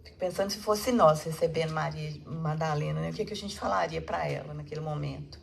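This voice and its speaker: A woman with a Brazilian accent giving a spiritual public lecture, retelling a story in a lively way with frequent tag questions. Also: deep voice, a little fast, gravelly. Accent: Brazilian Portuguese. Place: meeting hall.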